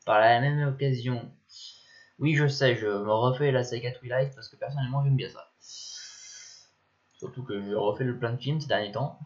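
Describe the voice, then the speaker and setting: A man's voice: mid-range voice, moderate pace, pauses often. Young man rambling through a dull tutorial. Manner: rambling, thinks aloud, mutters at software. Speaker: tutorial maker. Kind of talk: casual screen-recorded tutorial. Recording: dull lo-fi mic.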